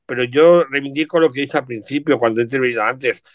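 A man's voice: mid-range voice, fast, no echo, studio quality. A middle-aged man chatting reflectively about family words, with frequent asides. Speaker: guest. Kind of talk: casual chat.

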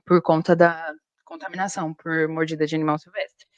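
A young woman, a zookeeper, chatting casually and telling stories in an animated way. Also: low voice, brisk, no room sound, highs cut off. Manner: animated storytelling. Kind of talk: casual chat.

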